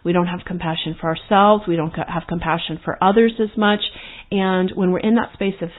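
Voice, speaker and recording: Speaking briskly in a fairly low, steady voice, this podcast host and coach delivers a solo monologue about life paths. She's earnest and reflective, now and then acting out what her clients are thinking, over a thin, phone-like recording.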